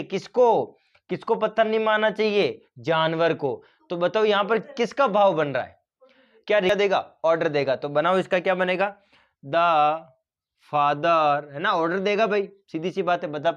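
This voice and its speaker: A man's voice: high-pitched, fairly bright tone, smooth, lo-fi sound. A man teaching a grammar lesson, explaining step by step and asking and answering his own questions.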